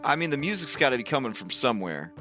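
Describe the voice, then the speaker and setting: Male game master, bright and lively, improvised tabletop narration. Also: medium pitch, fast talker, soft background music.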